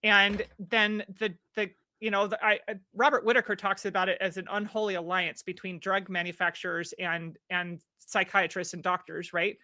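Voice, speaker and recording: A woman's voice: mid-range voice, flat delivery, normal speed, hardly any pauses, bright, forceful tone, dry recording, studio quality. A middle-aged woman guest on a podcast, talking earnestly and often restarting her sentences. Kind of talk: podcast conversation.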